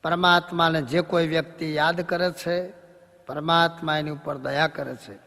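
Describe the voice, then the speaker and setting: Bright-voiced devotional male storyteller. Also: fairly high pitch, normal speed, big-room sound. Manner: preachy, jokey, animated storytelling.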